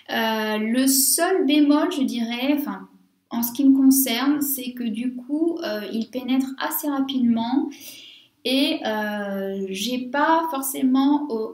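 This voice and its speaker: A woman's voice: on the high side, darkish tone, reverberant. A woman reviewing skincare products in a casual vlog, chatting freely with lots of fillers and asides. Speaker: beauty vlogger.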